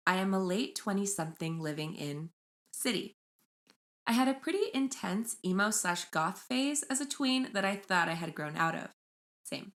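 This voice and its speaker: Woman podcast co-host, mid pitch, chatty storyteller reading stories aloud. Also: a bit bright. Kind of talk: casual chat and storytelling.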